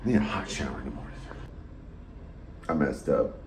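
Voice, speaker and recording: A man's voice: a bass voice, expressive, fairly quick, noisy background. A man giving casual, rambling travel vlog narration with wry, self-deprecating asides. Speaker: travel vlogger.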